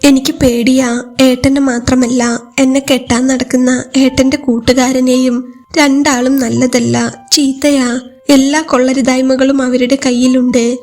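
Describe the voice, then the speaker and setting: A woman's voice: high voice, level tone, measured pace, a little mellow. A woman voicing a timid young woman who speaks fearfully, her voice trembling, in a storybook reading.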